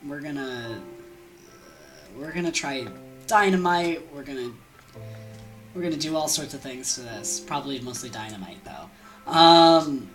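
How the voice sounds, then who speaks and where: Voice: medium pitch, a bit bright, poor audio. A young adult game streamer and storyteller with a sniffly cold, rambling casually in a scatterbrained, self-deprecating and informal way. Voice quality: congested.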